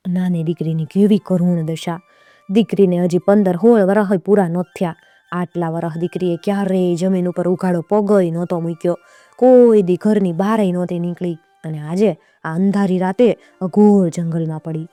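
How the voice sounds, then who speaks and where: A woman's voice: on the low side, normal speed, no echo, soft background music. Woman telling a folk tale. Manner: expressive, rhythmic repetition. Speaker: storyteller.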